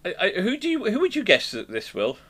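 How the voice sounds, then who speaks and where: Bright lively middle-aged man. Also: high-pitched, brisk. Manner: chatty, laughs often, many restarts. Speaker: podcast co-host. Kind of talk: casual chat.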